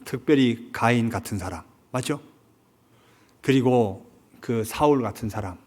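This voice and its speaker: A man's voice: mid-range voice, measured pace, a little mellow. A male pastor gives a Sunday sermon from a church sanctuary. His voice sits in a middle range. He retells a story and keeps checking whether his listeners follow. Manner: retells a film story, asks the congregation questions.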